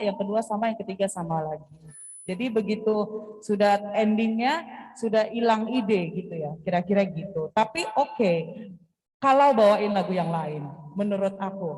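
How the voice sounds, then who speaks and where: A woman's voice: mid-range voice, darkish tone. Chatty woman judge in a reverberant hall. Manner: candid, chatty, polite disagreement. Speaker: singing competition judge. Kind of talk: spoken judge critique.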